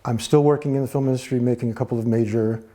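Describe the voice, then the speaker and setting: A man from the United States with an American accent, a guest in a studio interview, talking in a thoughtful, measured way with frequent fillers. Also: mid-range voice, fairly even intonation, dark tone. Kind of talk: relaxed interview talk.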